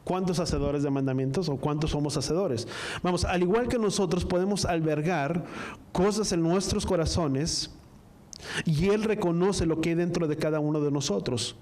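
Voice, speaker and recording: A man preaching a sermon to a congregation, reading scripture slowly line by line and asking the listeners to repeat after him. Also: on the high side, darkish tone. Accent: Spanish-speaking, from the US-Mexico border. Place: church service, also streamed online.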